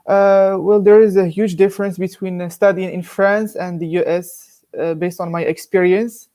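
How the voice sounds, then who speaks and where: A man's voice: high voice, fairly even intonation, normal speed, warm tone. A young man from Morocco, an engineering student answering interview questions hesitantly, with many fillers.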